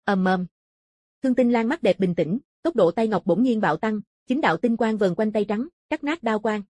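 A woman reading a scripted fantasy martial-arts story as an audiobook narrator, with a husky, soft-edged voice. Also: medium pitch, lively intonation, normal speed, dry recording.

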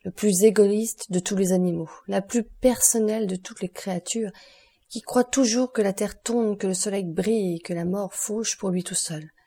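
A woman's voice: mid-range voice, fairly even intonation, dark tone, slightly rough. Woman reading as a stern, relentless doctor. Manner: solemn, accusing, measured.

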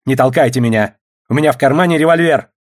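A man's voice: medium pitch, normal speed, darkish tone, slightly rough, natural voice. Brief: man voicing a jittery, blustering official, agitated and insistent. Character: nervous male official, blustering.

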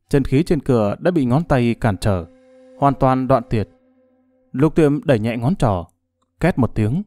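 A man narrating a martial-arts novel as an audiobook, in a steady, even storytelling manner. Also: mid-range voice, no room sound.

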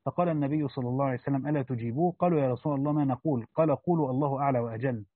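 Egyptian male reader of a classical commentary, very fast, husky voice, casual asides, tinny phone-like dry recording. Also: medium pitch, no echo. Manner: reads formal text, breaks in with colloquial explanations. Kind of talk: reading a classical commentary aloud.

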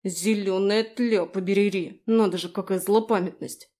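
A woman's voice: mid-range voice, steady tone, normal speed, dark tone, close to an everyday voice. Woman voicing a cocky little male fairy guardian. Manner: grumbling, teasing.

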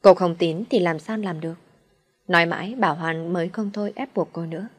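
A woman narrating a novel in a steady storytelling manner. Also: fairly low pitch, fairly quick, slightly rough.

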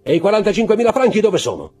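A man voicing a greedy, excitable male innkeeper who shouts eagerly in an audiobook. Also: high-pitched, very fast, slightly rough, faint music behind, pitched above the performer's own voice, full character voice.

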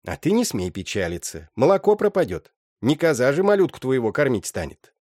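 A man's voice: medium pitch, wildly swooping pitch, brisk, a little mellow, dry recording, clean studio sound, pitched above the performer's own voice. A man voicing a scheming old mother witch who scolds and mocks, in an audiobook. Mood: coaxing. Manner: scolding, mocking. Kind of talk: audiobook character voice.

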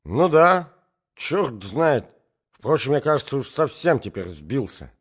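A man's voice: mid-range voice, big pitch swings, unhurried, husky, voice pushed up. A man voicing a befuddled elderly prince who agrees vaguely and loses his thread, in a dull lo-fi recording. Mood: bewildered.

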